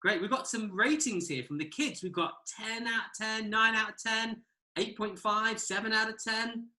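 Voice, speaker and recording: A man's voice: high voice, moderate pace, bright, forceful tone, faint music behind. A British man giving a live outdoor cooking demonstration by a campfire, instructive and friendly, speaking to children watching. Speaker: forest school instructor.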